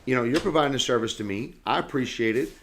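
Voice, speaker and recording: A man's voice: mid-range voice, fast talker, a bit bright, slight background noise. A man who is a senior pastor, talking earnestly and casually in a devotional chat. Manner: earnest, lesson-drawing talk.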